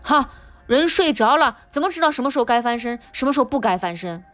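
A woman's voice: sits high, animated, fast, a bit bright, soft background music. A woman voicing a cross, sleepy boy rabbit in a children's storybook reading, huffing and scolding. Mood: huffy. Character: boy rabbit with long ears, grumpy sleepy friend.

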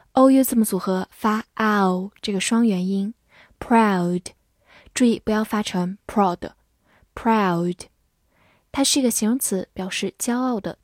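In a scripted English lesson, a woman reads example sentences slowly and spells out every vocabulary word one letter at a time. Her medium-pitched voice is a little mellow, captured in a dry, clean studio recording.

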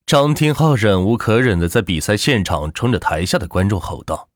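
A man reading a web novel aloud in animated audiobook narration, close to the mic. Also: fairly low pitch, normal speed, dry recording. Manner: animated storytelling with expressive rises and falls.

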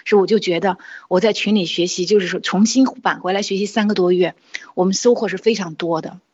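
Husky-voiced woman giving earnest testimony. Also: mid-range voice, steady tone, fast, a little mellow, highs cut off. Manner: earnest, with frequent hesitations and restarts. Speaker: parent sharing a testimonial. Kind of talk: personal testimony, casual monologue.

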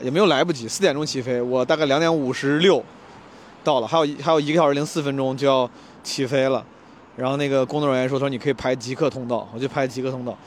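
A young man talks to camera in a casual vlog, racing through a story at high speed. His voice sits a little high, and he is animated and slangy, tripping over words and restarting sentences as he goes. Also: slight background noise. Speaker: stand-up comedian vlogger.

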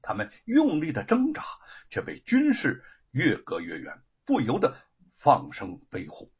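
A male storyteller reads an audiobook with dramatic flair, his voice leaping widely in pitch. He sounds high for a man and quite husky. The recording is dull and lo-fi. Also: unhurried. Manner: dramatic and expressive.

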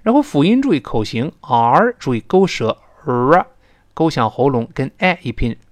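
A man teaches English pronunciation, walking listeners through sounds step by step and stretching out example words slowly. His voice is medium in pitch with wide swings, recorded dry.

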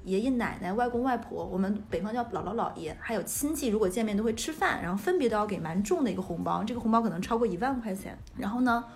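A woman's voice: mid-range voice, fast talker, hardly any pauses, a little hiss or hum. A woman from Northeast China co-hosting a podcast, telling family anecdotes in casual chat and often laughing. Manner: lively anecdotes, breaks into laughter. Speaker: podcast co-host.

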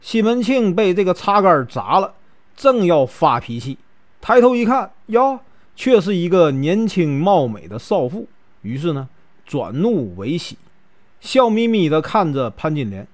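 A man from Northeast China, narrating a classic tale in a folksy, chatty way with drawn-out particles. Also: sits high, big pitch swings. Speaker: storyteller.

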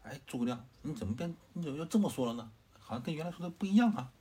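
A man's voice: lowish voice, lively intonation, moderate pace, dark tone, slightly rough. A man voicing an earnest adult male advisor who protests in a plain, conversational storytelling voice. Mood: indignant.

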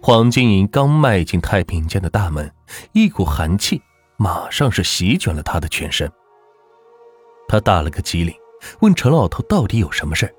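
A man narrating a folk ghost story as the channel's host, in a dramatic, lively storytelling manner. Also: low voice, normal speed, breathy edge, soft background music.

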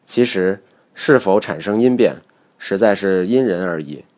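A man teaching English pronunciation in a measured, explanatory lesson narration. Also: deep voice, expressive, darkish tone.

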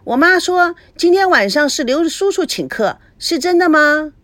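A woman puts on a sassy little girl's voice for a storybook, pitched high and bouncing all over the place. The girl sounds pert and teasing, and the recording is close and dry. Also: expressive, normal speed, a bit bright, no echo. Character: cheeky, sharp-tongued little girl.

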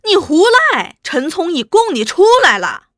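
A woman voicing a bullying male interrogator who shouts domineering threats. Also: high-pitched, sing-song, normal speed, dry recording, clean studio sound, pitched above the performer's own voice, heavily acted. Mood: shouting threats.

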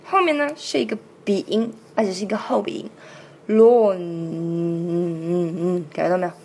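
A woman teaching how to sing a song, explaining sounds in detail and repeating each word slowly several times to demonstrate. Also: mid-range voice, lively intonation, creaky, breathy edge. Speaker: singing and pronunciation teacher. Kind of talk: step-by-step song pronunciation lesson.

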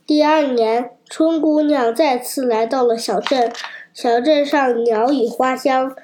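Children's story narrator, woman with a cold, gentle and expressive, high, unhurried. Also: a little hiss or hum. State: has a cold.

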